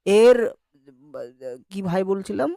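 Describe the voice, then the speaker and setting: A man's voice: high voice, fairly even intonation, slow pace, vocal fry, mellow, no echo, clean studio sound. A man teaching an online grammar class, chatty and joking as he drills vowel sounds with his students.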